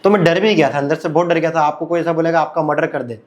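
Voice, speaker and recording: Man telling a story, fairly high voice. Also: steady tone, fast. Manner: conversational, repeats phrases, fillers. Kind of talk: casual personal storytelling.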